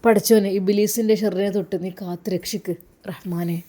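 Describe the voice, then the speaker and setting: A woman's voice: medium pitch, fairly even intonation, fairly quick, warm tone, lightly acted. A woman voicing a worried, devout young man who speaks in a rush and prays under his breath. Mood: worried hurried.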